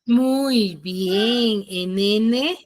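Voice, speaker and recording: In this clip a woman teaches online, explaining with slow emphasis while posing one question after another to her students. Her pitch is medium, and there's no room sound.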